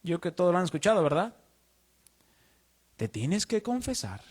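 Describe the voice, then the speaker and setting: A high-pitched man gives a teaching sermon in church. He explains earnestly and puts questions to the congregation. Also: big pitch swings, normal speed, slightly rough. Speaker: preacher.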